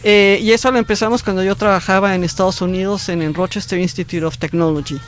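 A woman, a visiting professor, introducing her project as a radio guest, pausing with fillers. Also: medium pitch, steady tone. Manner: hesitant, many fillers. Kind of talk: radio interview.

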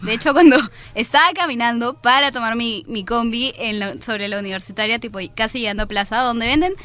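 A woman's voice: on the high side, brisk, sharp tone. A young woman with a Peruvian accent chatting casually in a group, telling anecdotes with lots of fillers. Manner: chatty storyteller, many fillers like "tipo" and "o sea".

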